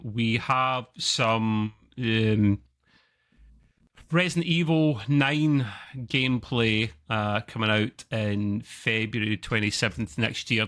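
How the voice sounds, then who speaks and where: A man hosts a relaxed gaming podcast, chatting along in an excitable, rambling way. His voice is bright and a touch tense, and it climbs sharply whenever he gets worked up. He sounds like a regular who knows his co-hosts well. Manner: excitable and chatty, jumps up in pitch when enthused. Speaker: podcast host. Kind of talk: casual chat about video games.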